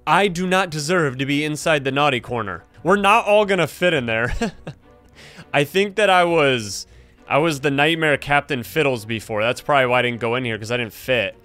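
Animated, higher-pitched young man streaming games. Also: normal speed, faint music behind. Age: young adult. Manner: animated, exclaiming reactions. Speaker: gaming video host, streamer. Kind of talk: lively gameplay commentary.

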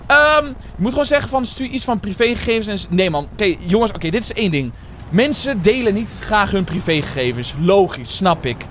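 A man's voice: high-pitched, big pitch swings, a little fast, few pauses, fairly bright tone, a little hiss or hum. A man, chatting casually with viewers and calling them guys and bro while playing a game. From Netherlands. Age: 20s. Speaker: streamer and server owner. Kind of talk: casual live-stream chat while playing.

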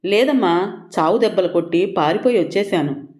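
A distraught young woman, voiced by the narrator of an audio storybook, pleads in a raised, high voice. She sounds frightened and tearful throughout, pushed well above the narrator's usual pitch. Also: moderate pace, a little mellow, roomy sound, lightly acted.

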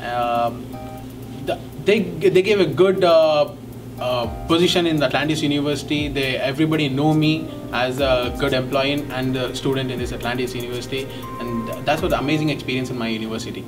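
A young man with an Indian English accent, a graduate student giving a rambling, halting testimonial with many fillers. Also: medium pitch. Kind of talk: testimonial interview. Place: indoor studio set. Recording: distant mic, background music.

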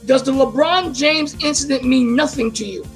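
A man's voice: very high voice, normal speed, soft background music. A man moderating a sports talk panel who challenges the others with pointed, probing questions. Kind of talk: heated panel debate.

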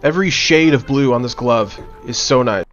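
A man's voice: medium pitch, normal speed, a bit bright, dull audio. Young adult male, humorous ranking commentary, blunt, slangy, swears freely, music underneath. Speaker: video creator rating game skins. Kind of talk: humorous tier-list commentary. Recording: music behind the voice. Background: background music.

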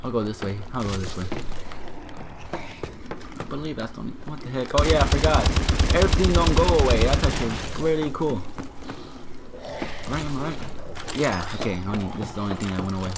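A man's voice: medium pitch, animated, brisk, long pauses, very noisy. A young man giving casual off-the-cuff game commentary, repeating his phrases and playfully trash-talking. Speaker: gamer narrating own play. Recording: loud game gunfire behind voice. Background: shooter game gunfire and ambience.

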